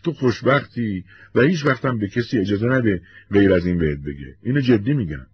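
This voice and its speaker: A man's voice: on the low side, lively intonation, slightly rough, dry recording, muffled recording. A man doing a blunt, easygoing male friend.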